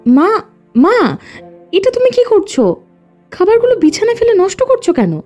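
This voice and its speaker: A grieving young village daughter in an audio horror story, tearful and pleading. Her voice sits very high, and quiet music plays behind her. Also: huge pitch swings, moderate pace, exaggerated voice. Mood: worried.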